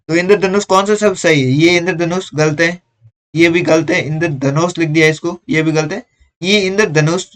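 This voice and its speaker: A man's voice: high-pitched, a bit bright. A male teacher patiently going through workbook exercises step by step, explaining corrections. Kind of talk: workbook lesson walkthrough.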